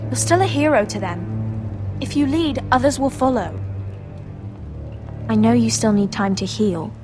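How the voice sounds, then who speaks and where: Earnest, high-voiced young noblewoman. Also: lively intonation, measured pace, over music. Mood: urging. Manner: earnest, serious. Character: earnest young noble sister, worried yet encouraging. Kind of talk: dramatic video game acting.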